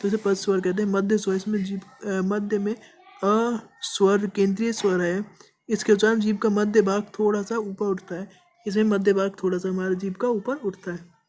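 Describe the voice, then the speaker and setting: A woman's voice: medium pitch, level tone, normal speed, darkish tone. A woman teaching a grammar lesson, explaining step by step, often checking in with "okay" and drawing out vowel sounds as examples. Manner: repeats points with frequent "ठीक है" checks.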